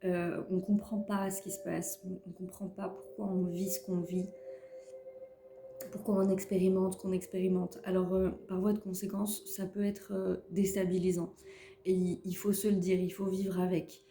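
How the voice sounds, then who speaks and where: A woman's voice: on the low side, level tone, normal speed, warm tone, a little hiss or hum. A woman giving a casual weekly card reading, talking hesitantly with many fillers and repeated words. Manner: self-mocking about her English. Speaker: tarot reader giving a weekly guidance. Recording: roomy echo with faint music behind.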